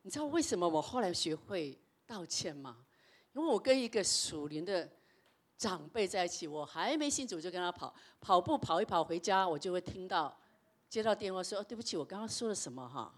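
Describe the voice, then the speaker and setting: Woman pastor preaching with lively storytelling. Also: lowish voice, normal speed. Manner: storytelling preacher, lively shifts between loud and hushed. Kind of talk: sermon.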